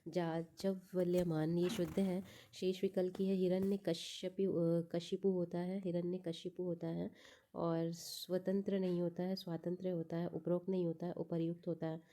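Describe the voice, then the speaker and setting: A woman's voice: fairly low pitch, flat delivery, normal speed, dark tone. A woman teaching exam prep, going through test answers one by one, repeating each answer and thinking aloud with fillers.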